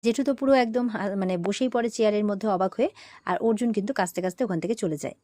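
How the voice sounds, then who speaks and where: A woman's voice: medium pitch, quick pace, warm tone, no room sound, clean studio sound. A woman retelling a TV serial episode, quoting each character and briefly acting out their lines. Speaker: serial recap narrator.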